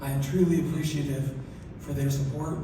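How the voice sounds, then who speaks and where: A soft-spoken man giving an acceptance speech, his articulation slurred as if one side of his mouth is numb. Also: mid-range voice, steady tone, a little fast. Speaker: award recipient. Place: large hall through PA. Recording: echoey hall, distant, noisy ambience.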